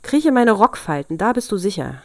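A woman's voice: medium pitch, very animated, normal speed, no room sound, clean studio sound. A woman reading a fairy tale aloud, voicing the Devil's grandmother as a shrewd, soothing old woman. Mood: coaxing.

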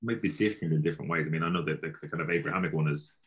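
With a very deep voice and a racing delivery, a man from Galway chats philosophically in his west of Ireland accent. He repeats himself and leans heavily on "you know," heard through a muffled recording.

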